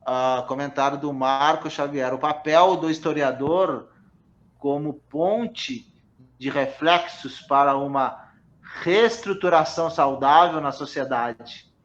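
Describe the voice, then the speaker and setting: A man's voice: fairly high pitch, takes it slowly, fairly bright tone. Enthusiastic male host on roomy, dull audio. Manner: enthusiastic, reads viewer comments. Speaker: interview host. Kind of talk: live-stream interview hosting.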